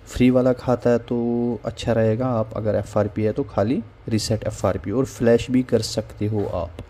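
His medium-pitched, dark voice stays steady at a moderate pace. He's hosting a phone repair tutorial, casually explaining a tool on screen in a voice-over and repeating "theek hai" between steps.

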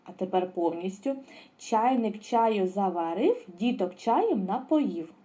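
Mellow-voiced woman teaching small children. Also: mid-range voice, big pitch swings, takes it slowly, dull audio. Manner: asks questions and answers them herself, praising. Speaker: preschool teacher. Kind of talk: lesson for young children.

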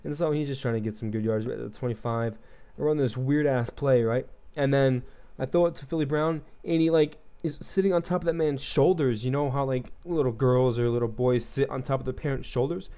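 A young man talks through his match in a loose, rambling way, swearing freely and trailing off with likes and ums. His voice sits low and mellow with a smooth, clean tone, a little froggy in the throat. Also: a little fast. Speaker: gaming commentator. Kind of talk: casual gameplay commentary.

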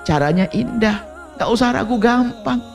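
A man preaching a sermon in an animated storytelling way, acting out little dialogues and laughing along. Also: very high-pitched, normal speed, soft background music.

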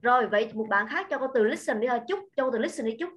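A woman's voice: fairly high pitch, expressive, rapid-fire. A woman teaching an English grammar lesson online, explaining step by step and often checking that students follow. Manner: patient, repeats points and checks understanding.

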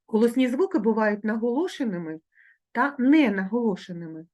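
Woman teacher w/ ukrainian accent, mid-pitched voice, remote lesson for kids, says each example word nice and slow. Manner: slow, careful pronunciation of sounds and words.

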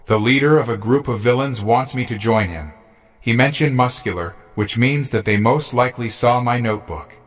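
A man's voice: mid-range voice, moderate pace, close to an everyday voice. A man voicing a young male former hero fan turned scheming villain recruit, eager and prone to snickering. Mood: pleased.

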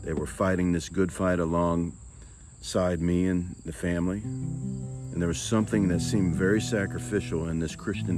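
Deep-voiced man preaching over music. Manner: earnest, repeats words as he goes. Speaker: preacher and songwriter. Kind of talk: reflective sermon-style talk over music. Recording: music bed playing behind the voice.

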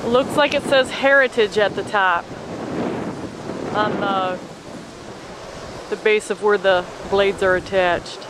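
An amateur videographer, a woman with a mid-range voice, narrates casually into a handheld camera mic beside a wind turbine outdoors. She speaks plainly and slowly with fairly even intonation, frequent pauses and small hesitations. Wind buffets the audio, and an idling diesel truck makes loud engine noise.

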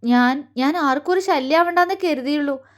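Woman narrator voicing a tearful, fiery young wife; high, choked, sharp. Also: normal speed, lightly acted. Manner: choked, pleading, then sharp and scornful.

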